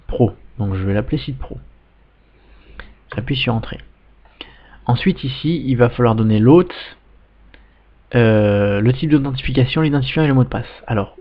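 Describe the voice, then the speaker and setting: A man, patiently walking viewers through a software tutorial step by step, often checking "d'accord?". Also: mid-range voice, highs cut off. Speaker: web tutorial instructor. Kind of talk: screen-recorded software tutorial.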